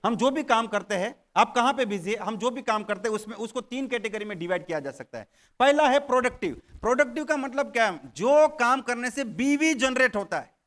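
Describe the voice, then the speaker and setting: A man leading a motivational training talk, animated and quizzing the room. His voice sits high and sounds bright and forceful. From Gujarat, India. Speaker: network marketing trainer.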